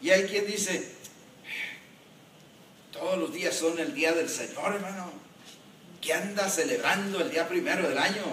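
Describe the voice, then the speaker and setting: A man, a pastor, preaching a sermon in an animated way and joking with the congregation. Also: high-pitched, a little hiss or hum. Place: church. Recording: echoey church hall from a distance.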